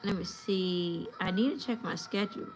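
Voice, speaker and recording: She has a lowish, darkish voice at a moderate pace: a New York woman in her thirties hosting a chatty home livestream, giving advice and acting out voices in anecdotes. Faint music plays behind her on a rough recording.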